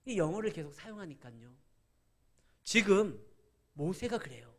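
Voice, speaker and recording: Middle-aged pastor, Chungcheong accent, preaching in a high, lively voice, acts out dialogue in his stories. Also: moderate pace. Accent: Chungcheong Korean. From Korea. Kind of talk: sermon.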